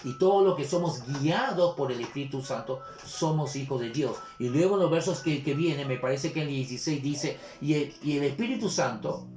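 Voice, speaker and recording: A man's voice: medium pitch, a little fast, hardly any pauses. A male pastor preaching a sermon, explaining with examples and scripture. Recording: echoey room with soft guitar music. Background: soft guitar music.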